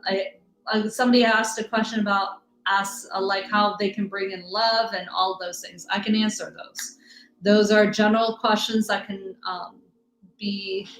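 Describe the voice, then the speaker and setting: A woman's voice: mid-range voice, fairly bright tone. Chatty woman live-stream host, rambling and greeting viewers, in an echoey room. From US Midwest. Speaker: livestream host, energy reader. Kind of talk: casual live-stream chat. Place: home room in Texas. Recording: echoey room, faint music.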